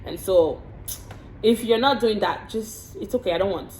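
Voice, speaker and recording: A woman from the Congo, a vlogger and hair and makeup artist, answers get-to-know-me questions in a casual vlog. Her mid-range voice is a little mellow at a moderate pace, frank and chatty, and she often repeats words while thinking, with a roomy echo and faint background hiss.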